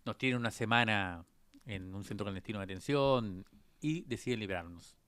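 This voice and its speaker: As a guest in an interview, a man from Argentina in his fifties reflects on his life, his Argentine Spanish accent clear and his speech full of hesitant fillers. He talks briskly in a smooth, slightly bright, low-leaning voice captured in a dry recording.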